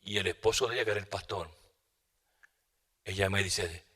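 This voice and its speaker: A man preaching a sermon, telling a testimony dramatically and moving between loud bursts and hushed asides. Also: low voice, fairly even intonation, moderate pace, husky.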